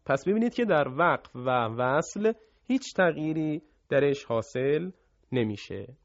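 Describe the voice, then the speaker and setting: Guy teaching quran reciting, talks fast then chants slow, bit high voice, muffled lo-fi sound. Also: expressive, dry recording. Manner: quick explanations, slow chanted examples. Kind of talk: recorded tajwid lesson with recited examples. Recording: dull lo-fi sound.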